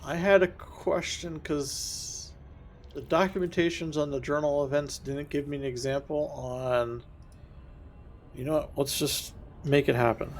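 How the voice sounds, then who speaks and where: A man's voice: on the high side, fairly even intonation, unhurried, slight background noise. Rambling male gamer thinking aloud. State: has the hiccups. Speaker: streamer. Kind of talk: casual gameplay commentary.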